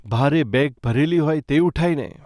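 A man preaching a sermon with earnest, rising emphasis, speaking warmly to his listeners as beloved. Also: on the high side, moderate pace, no echo, studio quality. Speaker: pastor.

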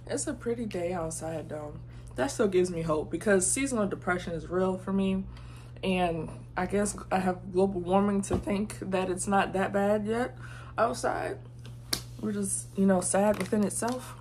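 A woman in her twenties talking casually to her phone camera in her bedroom. She is candid and slangy, and swings between hushed and loud. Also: mid-range voice, normal speed, a little hiss or hum. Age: 20s. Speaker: vlogger. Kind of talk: casual vlog chat to camera. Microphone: phone mic.

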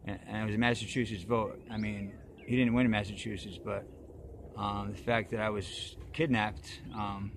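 A man's voice: on the low side, little pitch movement, moderate pace, noisy background. A man hosting his own vlog outdoors at dusk, rambling hesitantly with many fillers and dry, joking asides. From northeastern United States. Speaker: vlog host. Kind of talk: rambling casual monologue.

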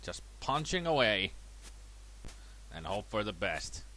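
Poor audio with a little hiss or hum carries a slow-paced let's play gamer commenting on his own boxing gameplay. He has a cold and a slightly worn voice, and he's chatty and self-deprecating with lively pitch swings.

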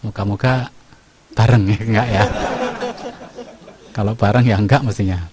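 A man with a Javanese accent preaching a humorous sermon, telling lively stories and often checking in with "ya kan?". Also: on the low side, moderate pace, a crowd in the background. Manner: lively storytelling, keeps asking "ya kan?".

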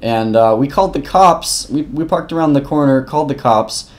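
Young guy vlogging a storytime, rambly, swears a lot, keeps restarting sentences, average pitch. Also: normal speed. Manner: rambling and profane, with frequent restarts. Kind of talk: casual storytime vlog.

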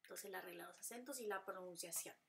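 Patient female teacher, bright tone, repetitive drilling delivery, occasional English asides. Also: on the low side, quick pace, a little hiss or hum. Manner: patient, repeats patterns, switches to English to explain. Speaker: Spanish teacher. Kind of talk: classroom lesson.

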